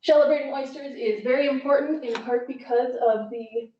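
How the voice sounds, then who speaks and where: A woman's voice: high voice, fairly even intonation, moderate pace, a little hiss or hum. Young woman presenting in an echoey room. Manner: enthusiastic, gets emotional and choked up near the end. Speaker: student intern presenter. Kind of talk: presentation with slides. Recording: echoey, distant, dull lo-fi sound.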